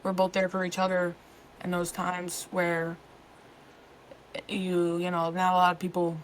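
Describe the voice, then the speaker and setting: A woman's voice: lowish voice, completely flat delivery, a little slow, a little hiss or hum, rough recording. A young adult woman co-hosting a podcast, joking and supportive in casual chat, with plenty of fillers. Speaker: podcast co-host.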